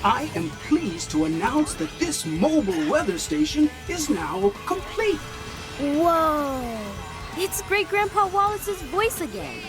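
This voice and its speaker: A woman voicing an excitable character in an animated children's show, with music behind. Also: sits high, takes it slowly, exaggerated voice. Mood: excited. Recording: music under the voice.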